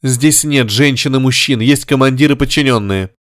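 A man voicing a stern female spaceship commander who gives orders in a measured, firm way, slightly raised in pitch. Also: fairly bright tone, no room sound, studio quality, natural voice. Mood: commanding.

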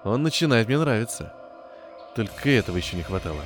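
A man voicing a desperate fugitive, low and tense, breaking into shouts. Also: very animated, fast, soft background music. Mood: wary. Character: desperate hunted fugitive man, young adult.

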